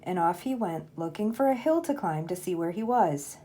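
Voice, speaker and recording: In a lowish voice, a grandmother reads a children's story aloud. Her delivery is expressive and carefully paced.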